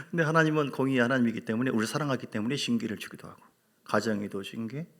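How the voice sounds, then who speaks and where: Speaking a little fast in a mid-range voice, a middle-aged male pastor preaches with lively, emphatic storytelling. He acts out quotations and directs questions at the congregation.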